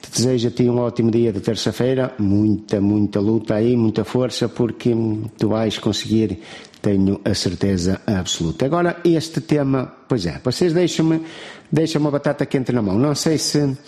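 A man with a European Portuguese accent hosts a live radio show from the studio. His voice is mellow and sits at an ordinary pitch. He talks in a chatty, effusive way as he passes on listener dedications. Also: normal speed. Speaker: radio host.

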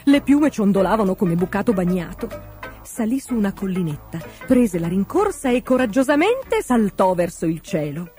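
Female storyteller, expressive and playful, animated storybook narration. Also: mid-range voice, normal speed, faint music behind. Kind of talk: storybook read-aloud narration.

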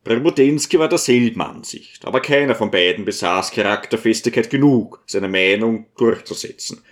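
A man narrating a novel as an audiobook in an expressive storytelling manner. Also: on the low side, moderate pace. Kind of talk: scripted narration.

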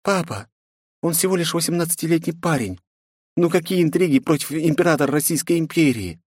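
A man's voice: fairly high pitch, expressive, brisk, slightly rough, no echo, clean studio sound, pitched above the performer's own voice. A man voicing a defiant, sarcastic eighteen-year-old princess in an audiobook, with cheeky, mocking retorts. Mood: scornful.

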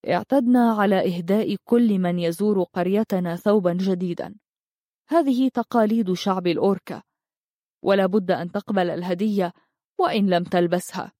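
A woman voicing a shy, kind young villager man in a storybook, gentle and eager. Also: medium pitch, normal speed, no room sound, clean studio sound, natural voice.

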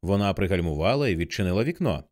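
A man reading a novel aloud in a measured, expressive first-person narration. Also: deep voice. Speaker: audiobook reader.

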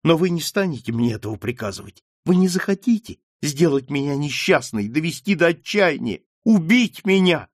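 A man reading an audiobook, voicing a desperate young daughter who pleads in high, tearful cries. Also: big pitch swings, moderate pace, hardly any pauses, no echo, clean studio sound. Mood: pleading.

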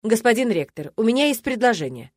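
A woman's voice: fairly high pitch, sing-song, brisk, dry recording, studio quality. A woman voicing a polished, scheming young student. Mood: smug.

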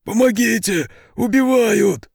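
A man's voice: lively intonation, brisk, a little mellow, dry recording, studio quality. A man voicing a frightened, cowardly prison orderly who wails and pleads. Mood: panicked. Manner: shrill, pleading, wailing.

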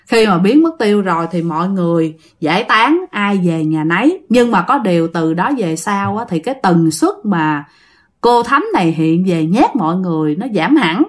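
A woman with a Southern Vietnamese accent telling a ghost story in a chatty way, addressing her listeners directly. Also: on the low side.

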